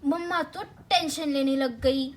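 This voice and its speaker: Lady narrating a kids doll story, slow n gentle, really high bright voice. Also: a little hiss or hum.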